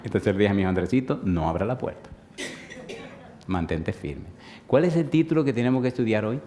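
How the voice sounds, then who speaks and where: A man's voice: fairly low pitch, a little fast, mellow, a little hiss or hum. Pastor guy in his fifties, joking storyteller sermon, keeps asking the crowd yes or no. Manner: storytelling, playful, asks the congregation questions.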